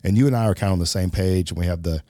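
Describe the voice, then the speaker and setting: Middle-aged guy musing on a podcast, low mellow voice, dry sound. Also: rapid-fire, no echo. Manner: reflective, many fillers and restarts. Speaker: podcast co-host. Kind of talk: casual conversation.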